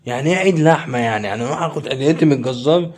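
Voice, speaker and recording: Young Egyptian man, Egyptian accent, cheeky pleading sketch delivery, mid-pitched voice. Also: very fast. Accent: Egyptian Arabic. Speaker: comedy sketch creator. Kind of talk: comedy sketch.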